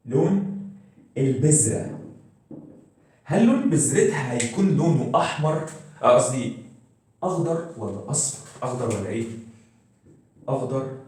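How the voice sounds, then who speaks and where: A man's voice: medium pitch, warm tone, slight background noise. A man with an Egyptian accent teaching a school science lesson. He keeps asking questions, answers them himself and repeats the key words. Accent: Egyptian Arabic. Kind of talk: classroom-style lesson. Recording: very echoey room, mic set far off.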